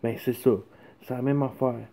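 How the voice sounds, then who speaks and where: A man's voice: mid-range voice, steady tone, moderate pace, vocal fry, warm tone. A man with a Quebec French accent making a rambling, insistent personal plea, repeatedly checking that he is understood. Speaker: son speaking to his mother.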